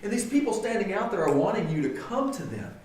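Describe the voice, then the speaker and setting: Man, pastor, earnest sermon, lively rise and fall, distant mic in echoey church. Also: high voice, fast talker. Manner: earnest, conversational preaching with rhetorical questions. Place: church sanctuary.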